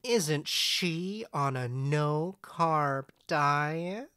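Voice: mid-range voice, animated, extremely slow, pushed and bright, clean tone, full character voice. An actor playing Puck's part as a scheming, flamboyant fairy, charming and smug, in a conversational audio drama. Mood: dryly probing. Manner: theatrical, sly, emphatic.

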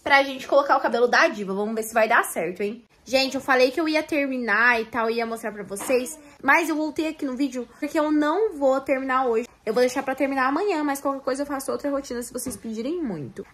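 Young mom vlogger, high voice, lively viewer-facing chat, phone-filmed at home with faint noise. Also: female voice. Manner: lively, chatty, talks to viewers. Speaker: vlogger mother. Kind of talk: family vlog chat. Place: home indoors. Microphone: phone camera.

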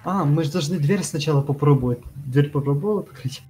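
Mellow-voiced male gamer, clipped remarks. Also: on the high side, a little fast, faint music behind. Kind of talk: casual chat while playing a horror game.

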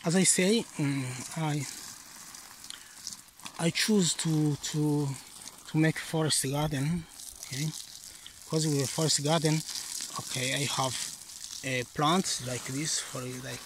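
A middle-aged man for whom English is not his first language gives a casual walk-through of his outdoor vegetable garden, often pausing to search for words. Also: on the high side, fairly even intonation, noisy background. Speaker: gardener vlogger. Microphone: handheld phone camera.

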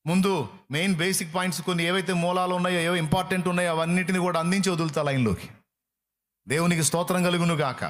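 A man preaching a sermon, impassioned, swinging from loud appeals to hushed pleading. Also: high-pitched, fairly even intonation, fast talker.

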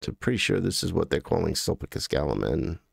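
A man's voice: rumbling low, lively intonation, fairly quick, gravelly, slightly rough, no room sound, clean studio sound. An American man hosting a livestream, rambling and correcting himself as he thinks aloud while clicking through images. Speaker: livestream host. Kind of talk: casual livestream commentary.

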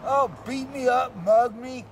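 Middle-aged man, terse halting replies, high voice, distant camera mic on a street with traffic. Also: steady tone, vocal fry. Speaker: interviewee. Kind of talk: street interview answers. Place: city sidewalk outdoors, sitting against a wall. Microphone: handheld camera mic from a few feet.

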